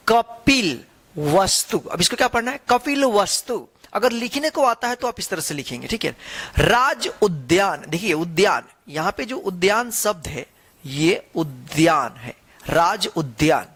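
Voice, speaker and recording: Slow word-by-word Hindi reading teacher. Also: mid-range voice, fairly bright tone. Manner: reads slowly one word at a time, spelling out letters and joined forms; mixes English words into Hindi explanation. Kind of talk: online reading lesson, reading a story word by word.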